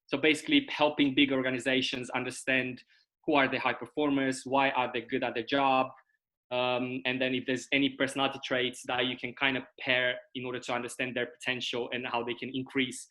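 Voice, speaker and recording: A young man from Romania, a guest on a casual video call, talks through long explanations while often asking "right?" and "okay?". His mid-range voice is bright and forceful with a level tone, moving a little fast, and the recording is rough.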